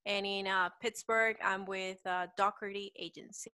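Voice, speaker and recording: A woman's voice: mid-range voice, level tone, moderate pace, sharp tone, clear, resonant tone, no echo. A woman in her twenties from El Salvador with a Salvadoran Spanish accent, chatting casually as an interview guest and saying "like" a lot. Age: 20s. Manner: chatty, uses "like" often. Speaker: guest, petite model.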